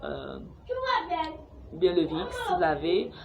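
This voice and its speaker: A young Cameroonian woman vlogs a casual how-to on a home remedy, her quite low voice swooping wildly in pitch as she chats, halting with fillers and restarts. Clear background noise from noisy neighbours and playing children outside fills the home recording.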